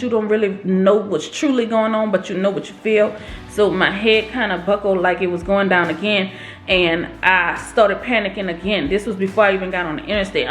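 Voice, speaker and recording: Animated woman telling a storytime. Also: mid-range voice. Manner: animated, expressive storytelling with big swings. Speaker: vlogger. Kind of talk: storytime vlog. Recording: roomy echo.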